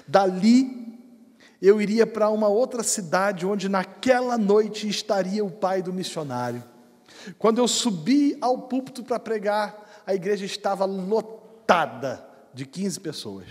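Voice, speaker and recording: A man preaching a sermon as a pastor, swinging from hushed, quiet storytelling to shouted, impassioned proclamation. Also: high voice. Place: church sanctuary. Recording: long hall reverb in a church.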